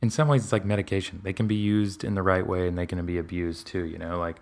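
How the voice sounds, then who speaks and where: A man's voice: low-pitched, steady tone, fast. A man talking candidly in a casual conversation, rambling with fillers and restarts.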